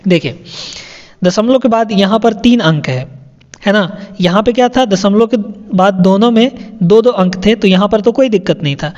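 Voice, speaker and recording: A man's voice: sits high, darkish tone. A man. He repeats each step and keeps checking in with the class. The audio is dull and lo-fi, with a long reverb tail. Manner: repetitive, checks in with "है ना?" often. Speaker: math teacher. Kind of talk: classroom lesson explaining sums.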